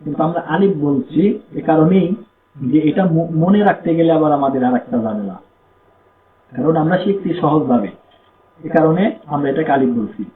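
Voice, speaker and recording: A man teaching Quran reading, with a Bangladeshi Bengali accent, spelling out letters and vowel marks and blending them slowly into syllables. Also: on the high side, slight background noise. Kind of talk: slow spelling-out recitation lesson. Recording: echoey room, tinny phone-like sound.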